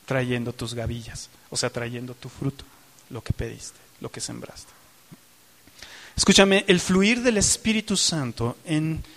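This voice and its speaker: A man's voice: fairly high pitch, big-room sound. A male preacher giving a dramatic sermon, acting out tearful and joyful prayer. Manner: animated, dramatic, acts out crying and joyful prayer.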